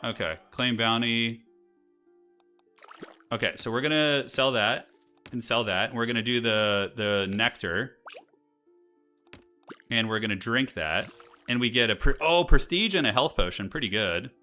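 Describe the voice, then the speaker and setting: A man's voice: mid-range voice, measured pace, long pauses, sharp tone. A man giving casual, slangy live commentary as he plays a strategy game, thinking aloud. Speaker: streamer playing a strategy game. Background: game music.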